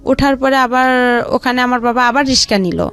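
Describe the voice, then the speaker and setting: She has a high, fairly bright and clean voice, speaking fairly quickly with fairly even intonation. As an interview guest from the Rangpur region of Bangladesh, she casually rambles through her life story stage by stage, and music sounds behind her.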